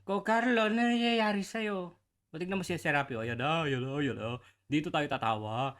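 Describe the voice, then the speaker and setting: A man's voice: fairly high pitch, normal speed, fairly bright tone. A man giving casual, teasing reaction commentary with sarcastic asides. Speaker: online commentator.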